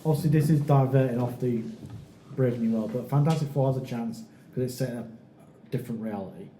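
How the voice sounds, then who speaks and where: Mellow man asking questions. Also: medium pitch, fairly quick, slight background noise. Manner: steers the conversation with questions. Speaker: podcast host. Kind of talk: casual film chat. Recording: echoey room with faint ambience.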